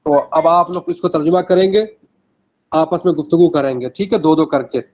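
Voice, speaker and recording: A man's voice: fairly high pitch, a little mellow, a little hiss or hum. Man teaching a language class, lo-fi sound. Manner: explains word by word, repeats, checks with "okay". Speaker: Arabic teacher. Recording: dull lo-fi classroom recording.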